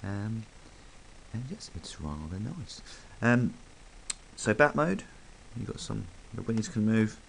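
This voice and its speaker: Hay fever leaves this man's very low voice croaky and gravelly as he slowly rambles through a toy review, pitch swinging widely. He's chatty and full of ums, making small asides while handling the piece, and the low-quality recording has a faint hiss behind him.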